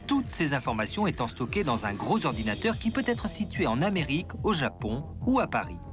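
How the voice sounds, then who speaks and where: A man reading scripted documentary narration in a measured, explanatory way. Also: on the high side, sing-song. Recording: voice-over with music bed.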